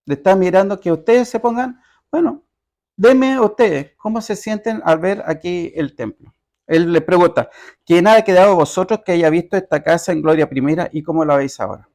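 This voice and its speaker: A man preaching a conversational sermon in a church, reading scripture slowly and often checking in with the congregation. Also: on the high side, a little mellow. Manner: reads scripture aloud with slow emphasis. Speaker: pastor.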